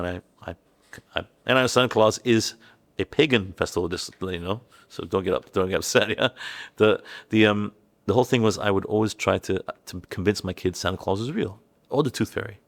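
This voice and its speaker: A middle-aged man with a low, gravelly voice that drops into fry, speaking as a podcast guest. He is candid and halting, circling back over his words and stacking restarts. When he quotes his family, he slips into acting out their voices. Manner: acts out family members' voices when quoting them. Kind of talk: candid personal storytelling.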